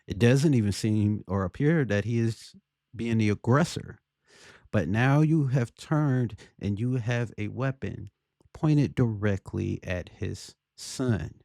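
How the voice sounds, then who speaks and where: Low, gravelly-voiced man giving commentary. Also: slow pace, warm tone, no echo, studio quality. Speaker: video commentator. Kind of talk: casual opinion commentary on a video clip.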